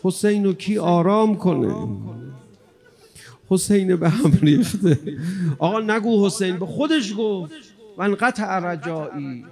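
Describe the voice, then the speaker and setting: A man preaching a mourning sermon in an impassioned way, swinging from hushed passages to loud ones. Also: high voice.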